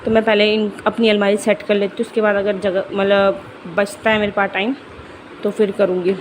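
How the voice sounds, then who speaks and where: A woman's voice: medium pitch, normal speed, slight background noise, rough recording. Young mother chatting in a home vlog. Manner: coaxing, talks to her child in a lively sing-song. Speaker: vlogger mother.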